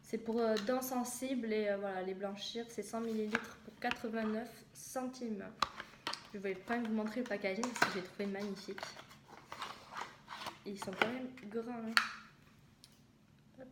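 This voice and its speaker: A woman's voice: on the high side, fairly even intonation, normal speed, long pauses. A young woman from southwest France chatting casually in a haul video, hesitant and full of fillers. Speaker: vlogger. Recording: echoey room with noise.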